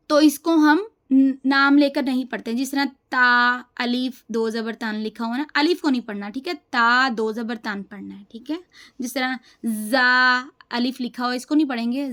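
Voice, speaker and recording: A woman teaching a beginner tajweed lesson, patient and repetitive, spelling out sounds slowly and checking in with "theek hai" after each point. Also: high-pitched. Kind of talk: beginner lesson explaining step by step.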